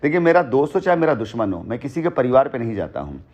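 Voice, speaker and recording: A husky, darkish male voice in the middle range comes through a recorded phone line, fast and sing-song. The man launches into long, emphatic explanations and keeps repeating his phrases to add weight.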